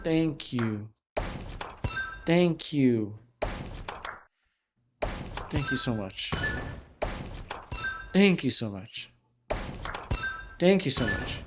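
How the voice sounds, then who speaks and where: With a medium-pitched, expressive voice, this streamer stretches out his words and pauses often as he reacts to a game. It's casual livestream commentary full of muttering and repeated phrases, set against loud background music.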